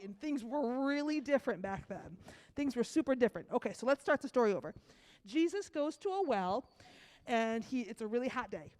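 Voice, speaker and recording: A woman with a cold giving a children's sermon, telling a story to kids with lively asides and questions. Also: a little high. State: has a cold. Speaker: children's message leader.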